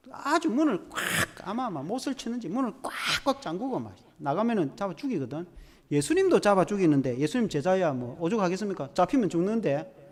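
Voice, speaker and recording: Male pastor, animated sermon storyteller, lively delivery in a reverberant church sanctuary. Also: sits high. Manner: animated storytelling, acting out quotes. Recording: long church hall reverb.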